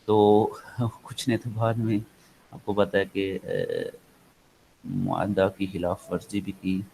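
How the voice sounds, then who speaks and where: A man's voice: lowish voice, fairly even intonation, creaky, mellow, a little hiss or hum, low-quality recording. A man with a Pakistani accent giving an online lecture, rambling with many fillers and slipping into English. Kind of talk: online lecture, casual explaining.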